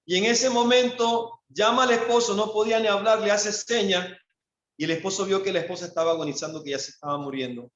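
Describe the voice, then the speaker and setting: A male pastor with a Panamanian accent preaching a sermon, asking rhetorical questions and dropping soft and low for the quoted lines. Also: a little fast. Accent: Panamanian Spanish. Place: church hall. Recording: echoey church, dull lo-fi sound.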